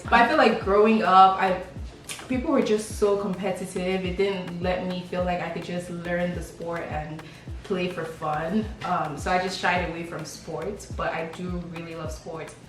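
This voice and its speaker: Speaking at normal speed in a lowish, steady voice, a young Lagos woman playfully answers questions about herself in a casual vlog chat. Soft music and a beat play in the background, and the distant mic picks up an echoey room.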